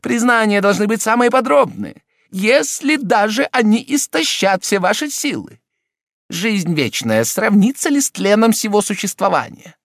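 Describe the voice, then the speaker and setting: Thundering scheming old cardinal played by a male reader, high-pitched and loud, for a dry audiobook. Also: animated, normal speed, vocal fry, dry recording, full character voice. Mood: insistent. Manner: shouting, thundering, hectoring. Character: wrathful scheming elderly male Italian cardinal.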